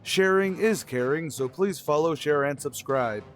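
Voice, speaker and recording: A man's voice: fairly high pitch, unhurried. A man reading scripted announcements as the announcer of a radio show.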